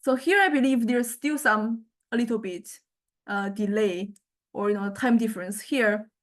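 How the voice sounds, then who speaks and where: In a recorded software lesson, a woman teaching music technology demonstrates informally, thinking aloud as she goes. Her explanations are tentative and halting, and her voice is a little high.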